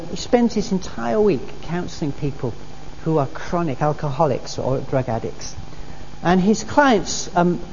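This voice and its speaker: A woman preacher with a low, mellow voice delivers a sermon earnestly, repeating her key phrases for emphasis. The recording sounds dull, made in a reverberant hall with faint noise.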